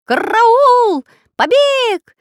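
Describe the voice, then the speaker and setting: A woman voicing a small, spiteful male parrot that screeches and shouts in a frantic, drawn-out way, read for an audiobook. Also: extremely high pitch, very animated, dry recording, clean studio sound, voice pushed up, heavily acted. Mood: shrieking. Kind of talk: audiobook character voice.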